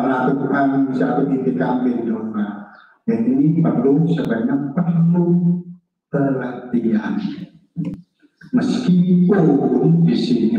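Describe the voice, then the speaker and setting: A man explains things slowly on a webinar, pausing and restarting as he goes. His voice comes through with a heavy echo on the call audio. The sound is dull and low-fidelity, as if the mic sits far from him. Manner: slow, explanatory, with many pauses and restarts. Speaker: webinar speaker. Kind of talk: answering questions on a webinar. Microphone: video call. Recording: echoey, distant, lo-fi call audio.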